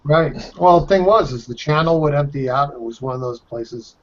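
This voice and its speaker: A man's voice: on the high side, moderate pace. Rambling man reminiscing in lo-fi audio. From Boston area, Massachusetts. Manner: rambling, reminiscing, swears casually. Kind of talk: casual chat. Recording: dull lo-fi sound.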